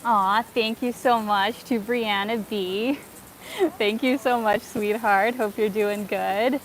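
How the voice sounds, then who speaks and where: Strolling outdoors through a city square and park, a North American travel vlogger talks casually to her livestream audience on a handheld phone, using fillers and laughing softly. Her voice sits a little high with fairly even intonation, and she takes her time. There's a faint hiss or hum.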